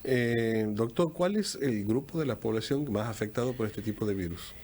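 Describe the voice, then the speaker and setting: Argentine male radio host, halting delivery with restarts. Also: mid-range voice, a little mellow. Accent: Argentine Spanish. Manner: halting, many restarts and backchannels. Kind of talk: radio interview hosting.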